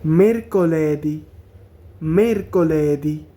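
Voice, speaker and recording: A man teaching a language lesson, repeating each word slowly and breaking it into syllables. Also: on the high side, dark tone. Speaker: Italian teacher.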